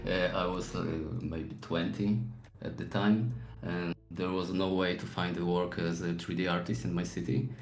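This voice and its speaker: A man's voice: low voice, little pitch movement, moderate pace, roomy sound, poor audio. A man in his forties from Poland with a Polish accent, easygoing and searching for words as a guest in a casual podcast interview. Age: 40s. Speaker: guest artist.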